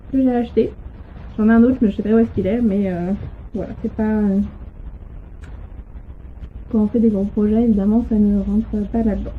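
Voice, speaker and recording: A woman with a fairly high voice talks through her crafting projects in a hesitant, casual show-and-tell, pausing on fillers and restarting her sentences. The recording is tinny and phone-like, made at home on a sofa, with faint hiss behind her. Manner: hesitant, full of "euh" and restarts. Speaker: knitting and crochet podcaster. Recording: tinny low-quality home audio.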